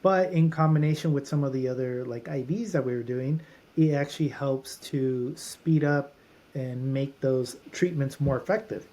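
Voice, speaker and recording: A man's voice: medium pitch, moderate pace, dark tone. A man who is a doctor at a holistic clinic, a guest on a podcast, explaining treatments in runs of lists with frequent restarts.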